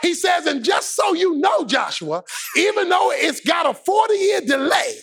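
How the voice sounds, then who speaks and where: A man preaching a sermon with an impassioned, sing-song shouted cadence. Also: extremely high pitch, big pitch swings, measured pace, gravelly, soft background music.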